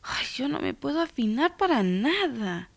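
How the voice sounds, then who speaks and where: A woman voicing a young girl who is upset that she lacks musical talent, with a high, pleading voice. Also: very animated, moderate pace, creaky, dry recording, full character voice. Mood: complaining.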